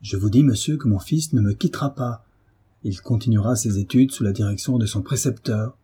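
A man reading a novel aloud and voicing a young wife who answers her husband formally and begs him to calm down. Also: lowish voice, a little fast, husky. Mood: firm. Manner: formal and pleading. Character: frightened young mother, pleading, dignified.

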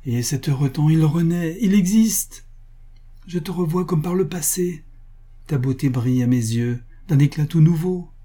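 A man's voice: mid-range voice, animated, unhurried, warm tone, husky. A man voicing a passionate, adoring husband who speaks with ardent exclamations.

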